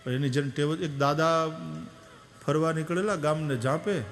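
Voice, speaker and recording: A man giving an animated devotional sermon, telling stories and moving from soft to loud. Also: on the high side, normal speed, slight background noise. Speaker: katha preacher. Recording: long echo of a large hall.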